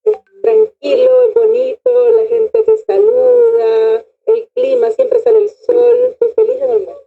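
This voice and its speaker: A woman from Puerto Rico, a theater director, telling her story in an animated, expressive way during a radio interview. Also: very high voice, measured pace, vocal fry, soft background music. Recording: dull lo-fi call audio.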